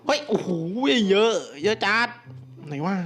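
A young man giving casual gameplay commentary, excitable, breaking into loud exclamations and talking to viewers. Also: high-pitched, unhurried, soft background music.

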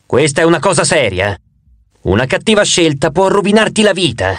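A man reading an audiobook, voicing the gloomy face of a two-faced male god in a slow, deep, ominous tone. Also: sing-song, a bit bright, no echo. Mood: menacing.

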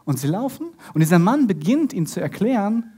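Animated, husky-voiced man preaching a sermon. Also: sits high, fairly quick. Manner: animated storytelling, addresses listeners directly. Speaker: pastor.

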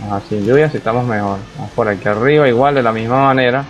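Gaming commentator: young man, mid-pitched, chatty, talking to himself over faint background music. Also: fairly even intonation, quick pace, highs cut off. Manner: chatty, reacts aloud to the game, talks to himself. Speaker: gaming YouTuber. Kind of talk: casual let's-play commentary.

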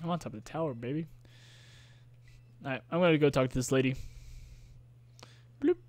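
A man's voice: medium pitch, fast talker, a little mellow, no echo. A young man co-hosting a game stream, chatting playfully and joking around. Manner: playful, jokey, breaks into silly voices. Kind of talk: casual gameplay commentary.

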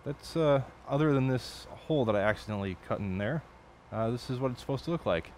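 A little hiss or hum sits behind this adult man's mid-range, slightly mellow voice, which is expressive and fast. As an electronics hobbyist streamer working late at night at his home bench, he talks casually, rambling, swearing and correcting himself.

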